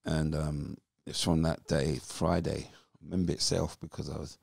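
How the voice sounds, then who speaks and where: Deep gravelly man telling stories. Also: moderate pace, no room sound, studio quality. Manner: animated storyteller who acts out voices. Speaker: podcast guest, former footballer. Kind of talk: casual interview storytelling.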